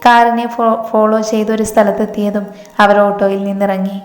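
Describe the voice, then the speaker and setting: A woman narrating a dramatic story in a steady, scripted reading. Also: medium pitch, a little fast. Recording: echoey reverberant room with music.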